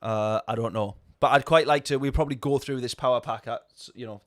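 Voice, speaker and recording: A man's voice: medium pitch, fairly quick, a bit bright, no echo, studio quality. A man talking casually over a racing game stream, rambling and answering viewer chat. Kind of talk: casual gameplay commentary.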